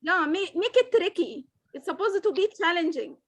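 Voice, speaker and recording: A woman's voice: extremely high pitch, lively intonation, moderate pace, background noise. A woman teaching an online grammar class, patiently explaining and repeating instructions to encourage her students.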